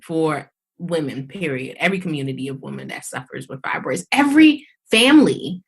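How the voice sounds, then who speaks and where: A woman doctor talks as a podcast guest in a candid, casual way. Her pitch swings widely and she sounds animated. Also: fairly quick, vocal fry, breathy edge. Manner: animated, candid, laughs often. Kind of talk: casual interview chat.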